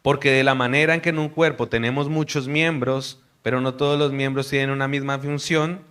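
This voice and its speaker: A man's voice: medium pitch, fairly even intonation, fairly quick, clear, resonant tone. A young man from Colombia, a missionary preaching an earnest sermon to a congregation. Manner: earnest, warm preaching with hushed prayer.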